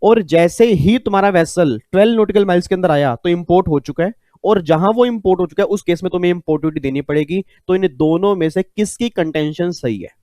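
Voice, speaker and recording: A man's voice: sits high, brisk, warm tone, dry recording. A man teaching an exam-prep lecture in a chatty way, repeating key points and mixing in English terms. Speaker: tax tutor.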